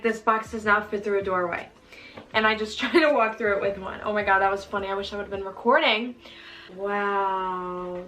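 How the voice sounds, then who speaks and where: A woman's voice: medium pitch, a bit bright. A woman hosting a mukbang, chatting casually and giggling as she eats. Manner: chatty, giggly, talks while eating. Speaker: mukbang host. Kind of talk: casual eating chat.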